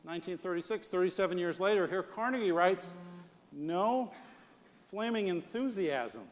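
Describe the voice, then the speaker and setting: At a conference, an American man gives a live leadership presentation in an animated, high voice at normal speed. He talks conversationally and poses rhetorical questions, recorded with long hall reverb.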